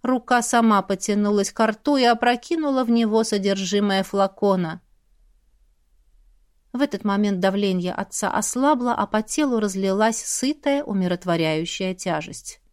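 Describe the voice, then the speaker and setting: Expressive woman narrating a fantasy audiobook. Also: medium pitch, moderate pace, clear, resonant tone. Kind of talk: first-person audiobook narration.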